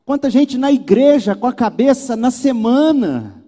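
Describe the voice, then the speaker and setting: A man preaching from a church pulpit, animated, with rhetorical questions and wry asides. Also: very high-pitched, unhurried, long reverb tail. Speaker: pastor. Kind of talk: sermon.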